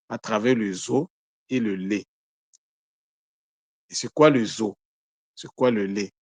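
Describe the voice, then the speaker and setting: A man giving a daily spiritual teaching, explaining words slowly and carefully with frequent pauses. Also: mid-range voice, dry recording. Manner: slow, measured, explaining word by word with pauses.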